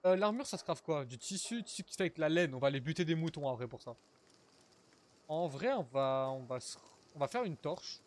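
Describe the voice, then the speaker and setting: Chatty young French gaming streamer. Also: male voice, a little high, animated, brisk. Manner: chatty, talks to chat, casual swearing. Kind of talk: casual live gameplay commentary.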